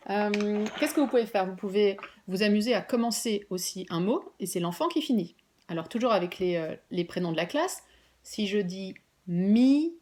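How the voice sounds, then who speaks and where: A preschool teacher gives a remote lesson to parents and children, patiently clapping out syllables and stretching words out slowly. Her voice is medium-pitched and slightly mellow.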